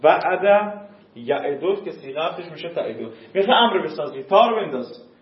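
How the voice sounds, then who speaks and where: High-voiced male teacher in an echoey room. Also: animated. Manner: reads a rule, then explains it in casual speech; asks the class questions and answers them. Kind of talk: classroom grammar lesson. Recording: echoey room, dull lo-fi sound.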